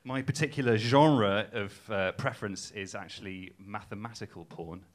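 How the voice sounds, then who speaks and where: Speaking at normal speed in a voice on the low side, a young Newcastle man delivers stand-up comedy live to a laughing audience. His Geordie-accented set is easygoing and self-mocking, with a hesitant, um-filled style. He's from England.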